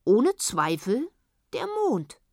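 A woman's voice: medium pitch, sing-song, slow pace, darkish tone, breathy edge, no echo, studio quality, full character voice. A woman reading aloud, voicing a matter-of-fact, know-it-all uncle in a storybook.

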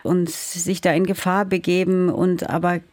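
A woman's voice: on the low side, flat delivery, moderate pace, darkish tone, dry recording. A woman novelist who grew up in the Soviet Union, answering in a thoughtful, searching way with some hesitations in a radio interview. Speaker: novelist guest.

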